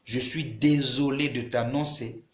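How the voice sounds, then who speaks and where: A man's voice: medium pitch, steady tone, a little slow, echoey room. A man preaching a sermon to a video audience, emphatic and repeating his phrases as he addresses listeners directly.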